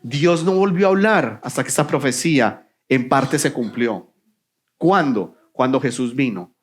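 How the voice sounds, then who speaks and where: Spanish-preaching pastor posing rhetorical questions. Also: male voice, expressive, measured pace, husky. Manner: drops to a low, quiet voice on key answers. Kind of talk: sermon. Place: church sanctuary.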